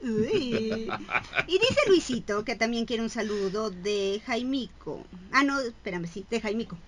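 A woman's voice: a little high, expressive, unhurried, fairly bright tone. A woman chatting casually as a show host and reading out listener requests. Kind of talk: casual chat.

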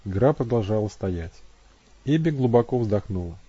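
Mellow husky male audiobook narrator. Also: lowish voice, animated, moderate pace, no echo, highs cut off. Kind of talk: scripted narration.

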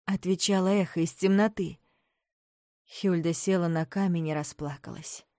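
A woman narrating a children's story with animated, expressive storytelling. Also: on the low side, moderate pace, no echo, studio quality.

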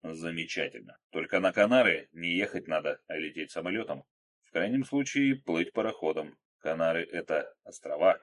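A man's voice: low-pitched, animated, normal speed. A man doing a sarcastic, hot-tempered crime boss. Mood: dry mockery. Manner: dry and mocking, then bellowing.

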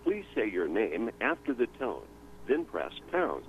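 A deep-leaning male voice plays a recorded call-screening prompt down a landline phone, moving through a lively pitch contour. The line sounds dull and lo-fi, with a faint hiss underneath. His delivery is formal and instructional. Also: measured pace. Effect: heard over a landline phone. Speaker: automated call-screening announcer.

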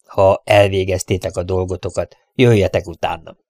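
A man's voice: deep voice, flat delivery, darkish tone, no echo, clean studio sound. A man voicing a cruel, mocking bandit who threatens and sneers. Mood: commanding.

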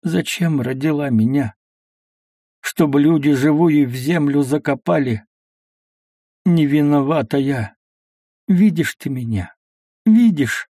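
A man's voice: on the high side, slow, pauses often, warm tone, no echo, studio quality. A man playing a desperate buried peasant woman. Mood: desperate pleading. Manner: pleading, wailing.

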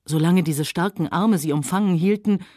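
A woman narrating a novel aloud in calm, measured scripted storytelling. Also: lowish voice, no room sound, studio quality. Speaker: audiobook reader.

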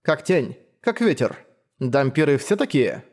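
A man's voice: fairly high pitch, very animated, measured pace, a little mellow. A man voicing a young woman hunter who is bold and pleading, with a lilting, coaxing manner. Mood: teasing.

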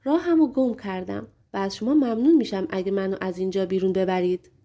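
A woman's voice: medium pitch, warm tone, highs cut off, close to an everyday voice. A woman voicing an earnest young male hunter in an audiobook fairy tale. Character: young man, a brave hunter's apprentice.

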